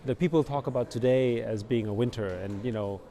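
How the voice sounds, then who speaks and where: A middle-aged man from Austria, a company founder, answering interview questions in a relaxed, rambling way full of fillers. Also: medium pitch, a little fast. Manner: relaxed, rambling, many fillers like "you know" and "basically". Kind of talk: conversational interview. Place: outdoors at a busy conference venue. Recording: crowd chatter behind. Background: crowd noise.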